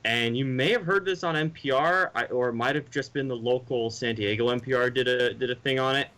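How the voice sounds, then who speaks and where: A man's voice: mid-range voice, a little fast, sharp tone, poor audio. A man co-hosting a podcast, chatting casually and rambling with restarts. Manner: rambling, with restarts and mimicked sounds. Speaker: podcast co-host. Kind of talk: casual chat.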